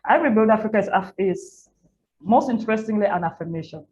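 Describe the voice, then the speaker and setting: A Cameroonian woman in her thirties, an NGO founder and women's activist, tells her personal story candidly as an interview guest, repeating phrases for emphasis. Her mid-range voice is lively in intonation, a little fast and a little mellow. The audio is muffled and lo-fi with audible background noise.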